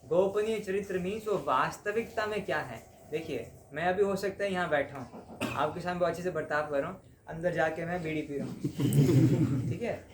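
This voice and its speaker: A man with a fairly high, brisk voice teaches a devotional class before a live audience, speaking conversationally and often checking in with his listeners. He is a spiritual teacher, recorded in a roomy hall with faint ambience and a noisy background.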